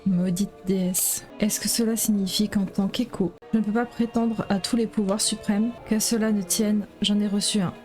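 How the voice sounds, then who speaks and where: A woman's voice: mid-range voice, fairly even intonation, normal speed, few pauses, mellow, faint music behind, close to an everyday voice. A woman reading aloud the lines of a power-hungry male villain echo from a video game, in close to her own voice. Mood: menacing.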